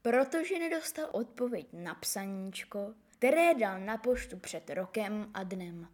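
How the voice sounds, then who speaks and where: A woman doing a hollow-voiced mournful gentleman. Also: mid-range voice, expressive, voice pushed down, natural voice. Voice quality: hollow, sepulchral voice. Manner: slow, mournful.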